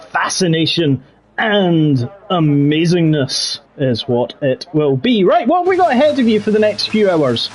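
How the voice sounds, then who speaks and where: A man's voice: high-pitched, a little mellow. A man hosting and commentating a sim racing league stream, playful and showman-like with rambling asides. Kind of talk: live-stream race commentary.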